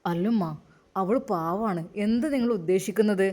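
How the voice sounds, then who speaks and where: A woman voicing a gentle, loving young husband in an amateur story drama. She speaks in a Malappuram Malayalam accent, soft and soothing. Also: mid-range voice, moderate pace, close to an everyday voice.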